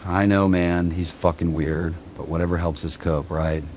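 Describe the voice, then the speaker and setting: A man's voice: deep voice, fairly even intonation, moderate pace, darkish tone, a little hiss or hum, pitched above the performer's own voice, lightly acted. A man voicing a laid-back male buddy who loves guns, talking in a casual, offhand, profane way.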